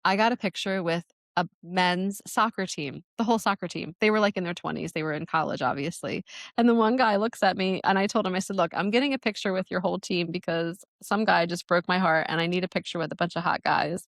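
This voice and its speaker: Woman, middle-aged, from New Jersey, podcast host, casual storytelling, laughs a lot, gravelly. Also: fairly low pitch, brisk, no echo, clean studio sound. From New Jersey, USA. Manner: chatty, laughs often, animated quotes.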